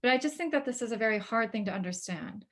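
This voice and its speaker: A woman's voice: a little high, animated, fast. A young woman moderates an academic discussion, thoughtful and hesitant, with frequent ums and restarts.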